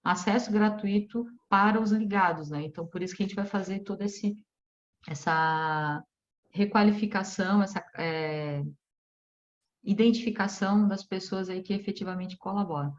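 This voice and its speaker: Brazilian woman, webinar host, mid-pitched, inviting tone, muffled video-call audio. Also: normal speed. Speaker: webinar host and group organizer. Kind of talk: online webinar moderation.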